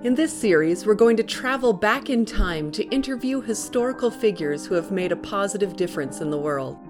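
A woman's voice: medium pitch, animated, fairly quick, over music. A woman hosting a podcast, asking her guests questions in a cheerful way and laughing easily. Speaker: podcast host. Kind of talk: scripted podcast interviewing.

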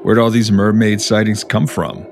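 A man's voice: fairly low pitch, little pitch movement, normal speed, creaky, faint music behind. A man co-hosting a podcast in casual banter, teasing and wisecracking. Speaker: podcast co-host.

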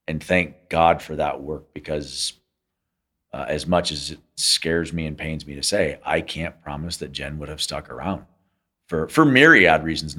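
A man's voice: extremely low pitch, sharp tone. A man co-hosting a podcast, speaking earnestly and reflectively in casual conversation. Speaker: podcast co-host. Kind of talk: casual chat.

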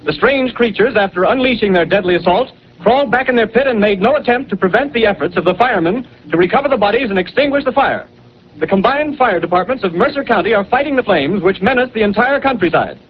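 In an urgent, formal bulletin style, a male 1930s radio announcer delivers lines in a high, rapid newsreel voice with lively intonation. The recording is a muffled period broadcast, faint hiss underneath.

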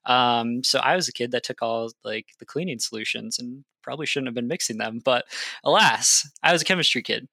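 A man's voice: medium pitch, fairly quick, creaky, pushed and bright, no echo. A young man in a casual interview, explaining his field with enthusiasm and frequent fillers. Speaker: guest geologist.

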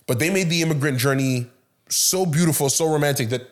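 A man's voice: fairly high pitch, brisk. A man from Canada hosting a podcast, chatty and storytelling as he asks his guest questions. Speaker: podcast host. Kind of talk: conversational interview.

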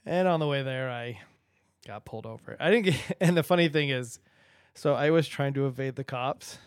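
A man co-hosts a casual podcast, telling a rambling story and laughing often. His medium-pitched voice is clear and resonant, moving at a moderate pace. The studio sound is clean, with no echo.

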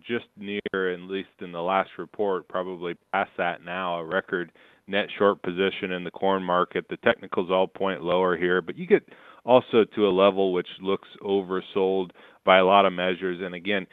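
A man talking over the phone as a market analyst guest, giving steady commentary with frequent fillers. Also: deep voice, smooth, no room sound. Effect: heard over the phone. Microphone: telephone. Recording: narrow phone line.

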